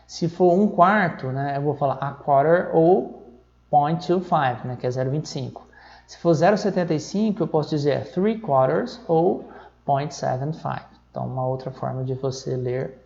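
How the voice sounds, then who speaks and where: Gravelly Brazilian man teaching English. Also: on the high side, darkish tone, muffled recording. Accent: Brazilian Portuguese. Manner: explains step by step, reads numbers out slowly; checks in with frequent "tá?". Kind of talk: recorded online English lesson.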